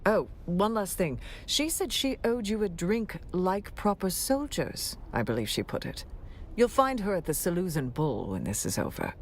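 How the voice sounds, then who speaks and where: An actor playing a calm, matter-of-fact doctor in a video game. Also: male voice, sits high, normal speed, a little hiss or hum. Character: calm, blunt male doctor, game character.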